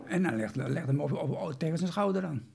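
A man's voice: fairly high pitch, lively intonation, brisk, creaky, a little mellow, a little hiss or hum. A man, recounting a personal story in an interview, hesitant with many restarts.

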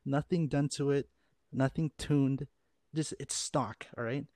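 A man's voice: mid-range voice, fairly even intonation, measured pace, warm tone, no echo. A young man hosting a casual podcast, rambling and exasperated, often stumbling and restarting his sentences. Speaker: podcast host.

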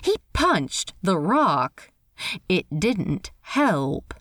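A woman who reads fan fiction narrates a scripted audiobook in an expressive storytelling style, her pitch swinging widely and animatedly while her pace stays slow. The recording is dry, with little room around it and no room sound.

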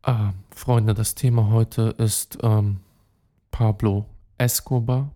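A young man hosts a casual solo podcast in a warm, lowish voice that moves little in pitch and goes at a slow pace. He talks straight to his listeners, chatty and rambling, full of fillers, restarts, and street slang.

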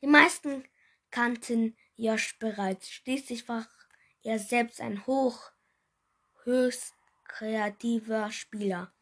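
Slow-reading woman narrating a children's book. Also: fairly high pitch, steady tone. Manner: unpolished, stumbling over words. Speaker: reader.

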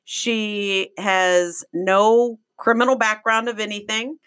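A woman's voice: medium pitch, flat delivery, slow pace, fairly bright tone, clear, resonant tone. A woman hosting a podcast in a casual, conversational chat. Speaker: podcast host.

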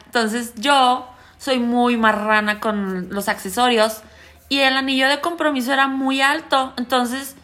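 A woman with a Mexican accent, co-hosting a podcast and telling a story in slangy casual chat, laughing as she goes. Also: a little high. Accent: Mexican Spanish. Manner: slangy, animated, laughs while telling stories. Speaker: podcast co-host.

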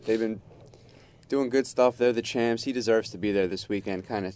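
Lower-voiced man in casual sports chat. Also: moderate pace, a little mellow, smooth. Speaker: podcast panelist.

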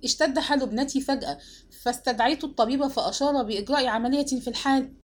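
A woman's voice: sits high, fast talker. A woman reading the part of a flustered mother, choked with tears and pleading. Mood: tearful. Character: tearful, flustered older mother. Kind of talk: dramatic novel narration.

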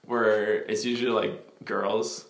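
A man's voice: on the low side, flat delivery, slow pace. A young man co-hosting a podcast in casual, joking chat, laughing often. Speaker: podcast co-host. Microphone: podcast mic. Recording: echoey room with background noise.

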